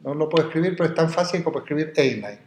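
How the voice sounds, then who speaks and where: A man's voice: a little high, expressive, darkish tone, slight background noise. Man lecturing in an echoey classroom. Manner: digressive, explains Greek terms slowly, spells words out. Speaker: philosophy lecturer. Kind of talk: university lecture. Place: university classroom.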